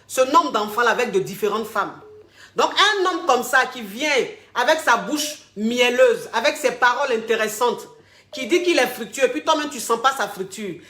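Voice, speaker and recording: A woman hosts a call-in advice show as a relationship coach. She scolds and lectures her callers bluntly, lacing her advice with mocking insults. Her voice sits fairly high and carries a roomy echo. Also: fairly bright tone.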